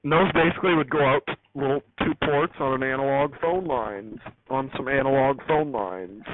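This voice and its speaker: Speaking at a normal pace in a mid-range voice, this man improvises a technical walkthrough as a hobbyist host, wandering off track and fixing his own mistakes. The sound is noisy with a thin, phone-like quality.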